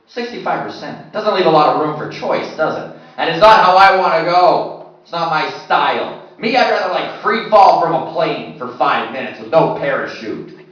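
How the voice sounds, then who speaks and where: A man's voice: medium pitch, a bit bright. A male stand-up comic working the crowd with a dry, self-deprecating delivery. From Canada. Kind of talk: stand-up comedy routine. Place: comedy club stage. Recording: echoey club from far off, dull muffled sound, background noise.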